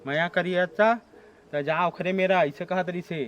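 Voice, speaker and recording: A man's voice: high voice, steady tone, normal speed, a bit bright, muffled recording. A man with a Chhattisgarhi accent playing an idle, lovestruck young town drunk in a broad comedy skit, whiny and dim. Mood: lovestruck, pleading. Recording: music behind the dialogue.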